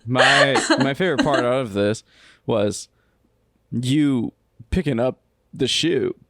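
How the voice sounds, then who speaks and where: A man's voice: medium pitch, lively intonation, slow, fairly bright tone, dry recording, clean studio sound. A man hosting a podcast, chatting casually, joking and asking follow-up questions. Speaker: podcast host. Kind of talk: casual interview chat.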